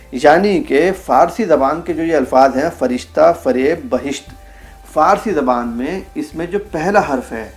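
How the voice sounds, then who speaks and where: A man teaching a video lesson, reading aloud from a book and saying example words slowly and carefully. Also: fairly high pitch, darkish tone. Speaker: Urdu language teacher.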